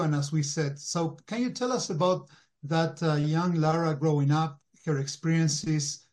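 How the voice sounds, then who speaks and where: A man co-hosting a podcast, asking questions in a halting way, full of fillers. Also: fairly high pitch, darkish tone. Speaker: podcast co-host. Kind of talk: casual interview hosting.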